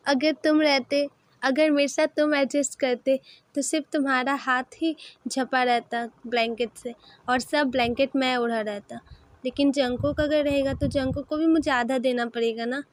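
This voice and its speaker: A woman's voice: sits high, fairly even intonation, moderate pace, no room sound, natural voice. A woman voicing a cheeky, selfish young man who bickers with his friend in a storybook dub. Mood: teasing. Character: teasing selfish young man, quick with comebacks.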